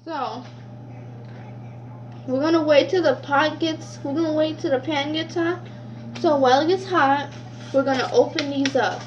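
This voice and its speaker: A woman's voice: sits high, measured pace, long pauses, dull audio. A young woman making a casual cooking vlog in a small kitchen, chatty and talking straight to her viewers through a camera on the counter. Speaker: vlogger. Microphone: camera set on the counter. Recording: sizzling kitchen noise behind.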